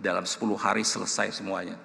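Gravelly-voiced pastor preaching in a church hall. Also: male voice, fairly low pitch, little pitch movement, fast talker, slight background noise. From Indonesia. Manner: storytelling, swings into loud emotional shouts. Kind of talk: sermon.

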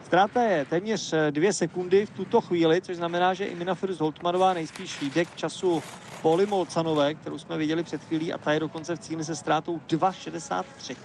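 A man giving live, measured ski race commentary, analytical and hesitating now and then. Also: a little high, fairly even intonation, a little hiss or hum.

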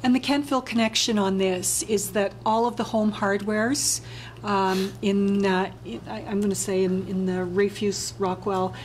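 A woman's voice: medium pitch, steady tone, moderate pace. Hesitant woman chairing a council meeting. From Canada. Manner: hesitant, many fillers, chatty aside. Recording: faint noise, council chamber.

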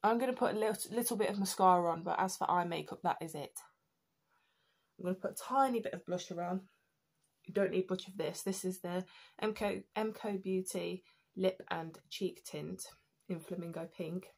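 A young British woman with a fairly low voice talks through her skincare routine at home. Her nose sounds slightly blocked. She chats loosely to camera with frequent ums and self-corrections. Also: normal speed, gravelly, husky. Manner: chatty, many ums and restarts. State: stuffy nose. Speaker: beauty vlogger. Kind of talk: casual skincare tutorial.

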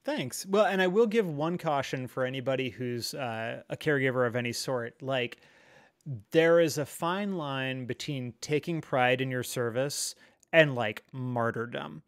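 A man's voice: mid-range voice, unhurried. A man speaking as a podcast guest, telling a personal story candidly, rambling and earnest with many fillers like "like" and "you know.". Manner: rambling, filler-heavy, frequent 'like' and 'you know'; earnest and reflective. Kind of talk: candid conversational chat.

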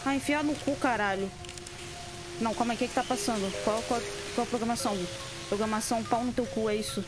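A woman's voice: fairly high pitch, fairly even intonation, fast. Swearing, jumpy Brazilian woman with game music. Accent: Brazilian Portuguese. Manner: swears a lot, jumpy and exclamatory. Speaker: streamer playing a horror game. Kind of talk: casual gameplay commentary.

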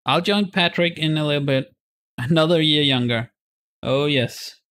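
A slightly high, fairly bright voice at normal speed belongs to a man in his forties casually streaming a game. Using a headset in a small room, he is playful and chatty, talking to chat as he plays.

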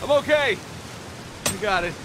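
A man's voice: high voice, expressive, normal speed, noisy background. A man playing a wry, teasing treasure hunter in a naturalistic video game performance. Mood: alert, straining. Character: wry adventurous male treasure hunter, climbing through ruins.

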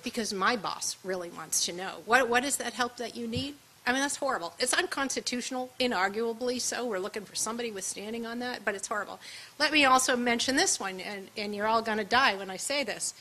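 A woman's voice: mid-range voice, bright, forceful tone, a little hiss or hum, poor audio. A woman giving a conversational seminar presentation with emphatic asides. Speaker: seminar speaker. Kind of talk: luncheon presentation. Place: event room at a seminar.

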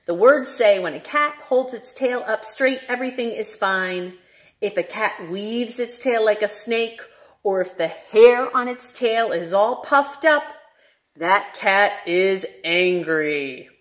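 A young adult woman, a children's librarian reading aloud at story time in an animated, sing-song, questioning manner. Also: medium pitch.

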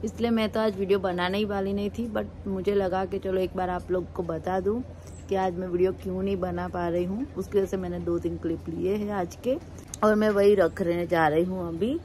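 A woman in her thirties with a Gujarati accent talks to her viewers in a casual home vlog, chatty and easygoing. Her throat is sore, so her voice sounds a little strained. Faint ambient noise sits behind her in a mid-pitched voice. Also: little pitch movement, a little fast, a little mellow, low-quality recording. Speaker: vlogger. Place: home, looking out at rain.

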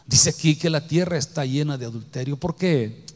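A man preaching a sermon as pastor, swinging from loud exclamations to quiet, low lines. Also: moderate pace. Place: church hall. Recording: long hall reverb.

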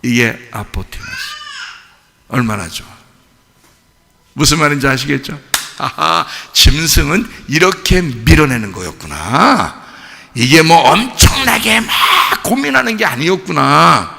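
A male pastor preaching a sermon in an animated way, acting out what people say, with shouts and laughter. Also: on the high side, measured pace, vocal fry, in a large hall, slight background noise. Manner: animated, acts out quoted speech with shouts and laughs. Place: church sanctuary.

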